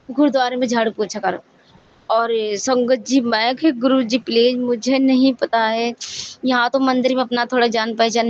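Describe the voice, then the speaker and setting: A woman sharing an earnest devotional testimony with the congregation, often addressing them respectfully. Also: a little high. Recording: dull lo-fi audio.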